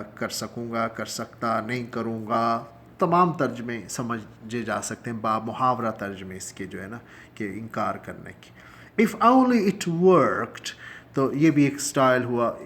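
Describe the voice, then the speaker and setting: A man from Pakistan teaching English phrases in a casual spoken lesson, explaining in Urdu and slowly stretching out each English phrase, with frequent chuckles and fillers. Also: medium pitch, fairly bright tone. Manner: chuckles often, conversational with many fillers.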